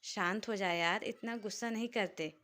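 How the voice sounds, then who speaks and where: A woman voicing a gentle young wife who soothes her friend in a spoken story. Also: mid-range voice, moderate pace, lightly acted. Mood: soothing. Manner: soothing, placating.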